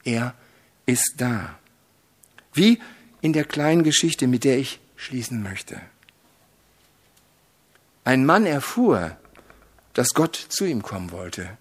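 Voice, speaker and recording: Slow, husky-voiced male preacher. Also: mid-range voice, animated. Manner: slow, solemn, with dramatic swells when telling a story. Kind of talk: sermon.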